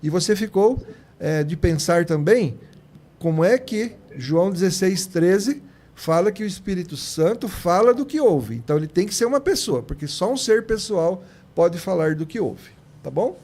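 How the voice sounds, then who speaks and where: Brazilian man, high voice, theology teacher, didactic, step-by-step religious argument, checking tags. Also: expressive, moderate pace, darkish tone. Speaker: theology teacher on a radio panel.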